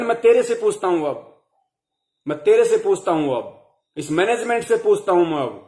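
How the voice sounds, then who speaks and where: Scolding young man preaching, high voice. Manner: scolding, rhetorical questions. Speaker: devotee preaching to fellow followers. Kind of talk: heated devotional sermon.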